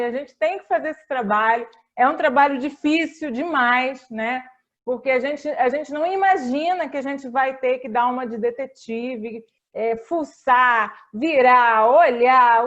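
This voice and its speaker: A Brazilian woman librarian with a high voice moderates an online panel in a lo-fi recording. Speaking earnestly with a Brazilian Portuguese accent, she frequently tags her sentences with "né?"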